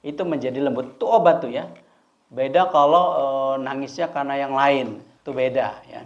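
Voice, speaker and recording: A man's voice: mid-range voice, moderate pace. A man giving a conversational religious study talk, often asking and answering his own questions. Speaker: preacher. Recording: dull lo-fi recording.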